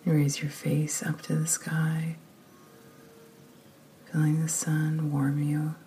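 A woman leading a guided meditation in a soft, often whispered, slow and soothing voice. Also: low-pitched, monotone, a little hiss or hum.

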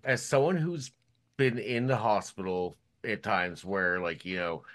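A man's voice: fairly low pitch, unhurried, a bit bright. A man on a podcast talking casually and rambling with many fillers. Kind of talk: casual chat.

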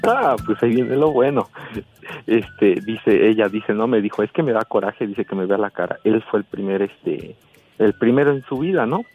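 A man with a Mexican accent and a low voice recounts a friend's story in gossipy fashion. Music is clearly audible behind him throughout. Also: lively intonation, normal speed, narrow, tinny audio. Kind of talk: storytelling on radio.

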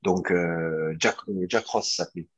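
A young man speaks as an interview guest, telling a story in a loose, chatty way. His voice sits on the low side and sounds slightly husky. He often hesitates and restarts his sentences but keeps the story moving. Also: measured pace. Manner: animated, hesitant with many fillers and restarts. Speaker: interview guest, former footballer.

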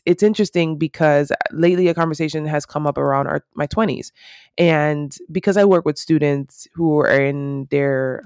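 A woman's voice: low voice, dry recording, studio quality. A woman in her thirties hosting a solo podcast, talking in an earnest, reflective and rambling way with many fillers. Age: 30s. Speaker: podcast host.

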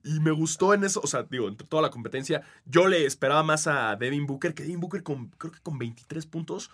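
A man's voice: fairly high pitch, brisk. A young man with a Mexican Spanish accent, co-hosting a casual sports podcast in a joking, slangy way. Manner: slangy, joking, animated banter. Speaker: podcast co-host.

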